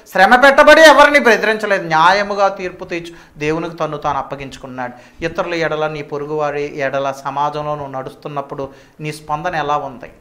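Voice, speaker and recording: A male pastor delivers a sermon with fervor, his fairly high voice building to loud declamation as he calls his listeners children.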